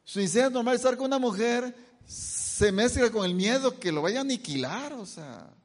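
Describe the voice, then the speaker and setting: High-voiced man lecturing a church crowd. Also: animated, fairly quick. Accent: Mexican Spanish. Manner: asks the audience questions and answers them himself. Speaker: guest doctor giving a health talk. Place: church hall.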